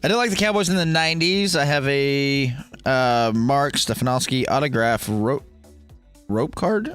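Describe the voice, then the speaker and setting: A man's voice: mid-range voice, moderate pace, fairly bright tone, clear, resonant tone, faint music behind. A man in his thirties hosting a casual sports watch-along livestream, bantering and swearing as he answers viewer comments. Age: 30s. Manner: profane, joking banter with chat. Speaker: livestream host.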